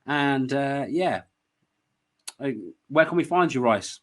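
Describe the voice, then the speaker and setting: A man's voice: medium pitch, slow, a bit bright. A man hosting a casual conversation, talking in a rambling, hesitant way. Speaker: host.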